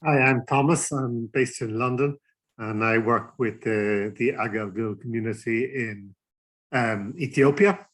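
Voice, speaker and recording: A man introducing himself on a video call, halting, with many fillers. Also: medium pitch.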